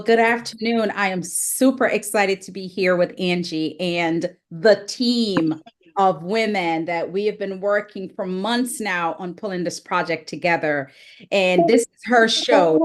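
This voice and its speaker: A woman's voice: medium pitch, a little hiss or hum. A woman moderating a live book launch on a video call. She speaks with enthusiasm and asks the host questions. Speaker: moderator and interviewer. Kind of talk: live launch event interview. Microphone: video conference call.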